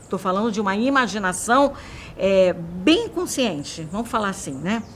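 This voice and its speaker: A female doctor being interviewed for a documentary on mental health speaks at a normal speed with lively intonation and a medium pitch. Her explanations come out hesitant yet vivid, and a faint hiss or hum runs under the recording.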